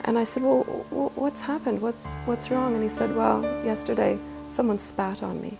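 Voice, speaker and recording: Brief: woman clinical manager, gravelly earnest interview delivery, clear music underneath. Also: a little high, steady tone. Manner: earnest, measured, repeats words as she thinks. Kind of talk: documentary interview.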